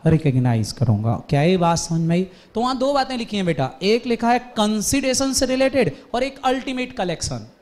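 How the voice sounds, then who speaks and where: High-voiced man lecturing a commerce class. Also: moderate pace, few pauses. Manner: animated storytelling, quizzing students. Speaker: commerce teacher.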